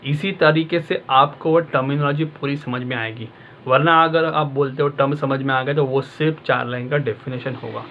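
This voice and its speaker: A man's voice: medium pitch, steady tone, normal speed, highs cut off, a little hiss or hum. A male exam-prep tutor talking casually and directly to his students, in a conversational coaching manner.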